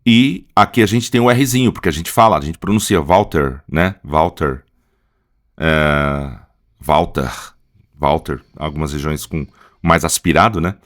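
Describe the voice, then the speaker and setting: Brazilian man, Brazilian accent, very low voice, patient teacher, explaining pronunciation step by step. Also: moderate pace. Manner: patient, often tags phrases with a questioning "right?". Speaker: language teacher.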